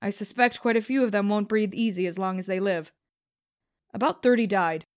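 A woman's voice: mid-range voice, a little fast. A woman narrating an audiobook in the first person as a vengeful young rebel, bitter and contemptuous.

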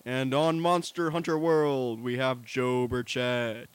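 A young man putting on a big announcer voice, slow and grandiose as he introduces a show. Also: mid-range voice, level tone, smooth, no echo, natural voice. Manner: slow, drawn-out, grandiose delivery. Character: booming male game show announcer.

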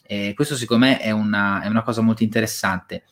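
A man's voice: lowish voice, steady tone, quick pace. A man hosting a casual talk show, hesitating as he searches for words. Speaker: host.

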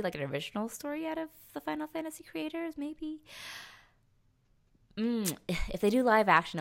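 A young adult woman with a low-pitched voice and vocal fry co-hosts a podcast, chatting casually about pop culture and rambling as she thinks out loud.

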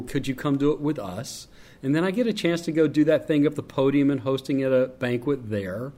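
Deep-voiced man, stadium announcer being interviewed, reflective storytelling, mid pitch. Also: a little mellow. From North Carolina. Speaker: public address announcer. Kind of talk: interview conversation.

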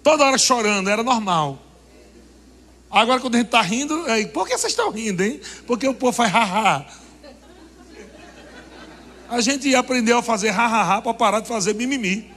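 A man's voice: very high-pitched, normal speed, long pauses, a bit bright, a faint crowd. A man preaching a sermon, joking and laughing with the congregation. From Brazil. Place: church hall. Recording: long reverb of a church hall.

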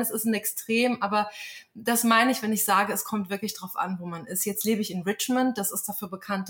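A woman from Germany, an astrologer and tarot reader, a guest in an interview, telling stories in an animated way with frequent fillers. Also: medium pitch. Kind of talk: casual interview conversation.

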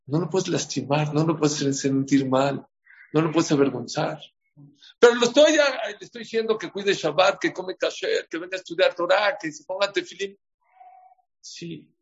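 A man's voice: mid-range voice, vocal fry. A man giving a sermon as a rabbi, telling stories and asking his listeners questions. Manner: storytelling, asks the audience questions. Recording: dull lo-fi recording.

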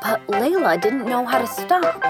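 A woman narrating a children's story in a gentle, expressive way. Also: on the high side, normal speed. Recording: narration over background music. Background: music.

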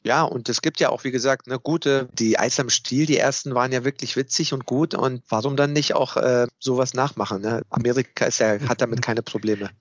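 A man's voice: medium pitch, fairly even intonation, fairly quick, few pauses, dry recording. A man in casual podcast conversation, talking about movies with keen enthusiasm. His voice sits in an ordinary middle range. The recording is dry and a little muffled. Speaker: podcast co-host. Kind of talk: casual film discussion.

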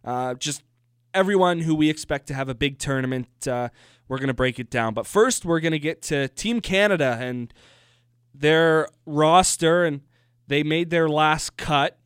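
A man co-hosting a casual hockey talk show, getting animated when he argues a point. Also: on the high side, normal speed, smooth, no room sound, clean studio sound. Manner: animated, gets worked up arguing. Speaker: podcast co-host.

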